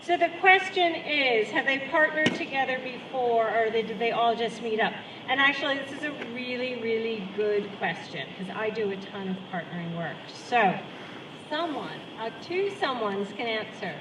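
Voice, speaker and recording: A fairly high-voiced woman hosts a loose post-show Q&A outdoors, chatty and prone to stopping and restarting her sentences. She holds the mic too far away, so she sounds distant and echoey under loud passing traffic. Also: animated, normal speed. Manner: chatty, rambling, self-interrupting. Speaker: choreographer and director hosting a post-show Q&A. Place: outdoor performance space. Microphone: handheld mic held away from mouth.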